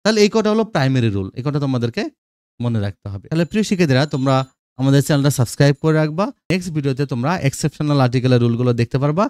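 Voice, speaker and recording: A man teaching a grammar lesson to students, often checking with "okay?" and reading English examples out slowly. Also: medium pitch, lively intonation, darkish tone, smooth, no room sound, clean studio sound.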